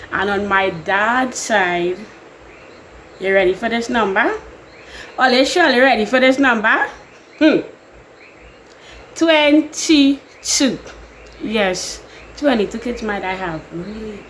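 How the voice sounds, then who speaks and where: A young Trinidadian woman with a Trinidad and Tobago accent speaks slowly with long pauses in a fairly bright, higher voice, and a little hiss or hum is audible. As a YouTuber doing a get-to-know-me Q&A vlog, she chats casually, rambles, and laughs often.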